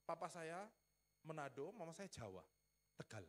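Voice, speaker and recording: A male pastor preaching in a relaxed, playful storytelling manner, joking with the congregation and acting out conversations with his wife. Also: on the high side, moderate pace. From Riau, Sumatra, Indonesia. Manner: lively storytelling with playful asides, acts out dialogue. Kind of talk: sermon. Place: church.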